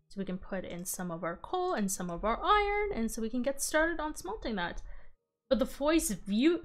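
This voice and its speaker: A woman's voice: mid-range voice, fairly bright tone. A woman streamer doing live in-character game commentary in a rambling, hesitant, professor-like manner. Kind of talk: live in-character Minecraft roleplay commentary, chatting with viewers.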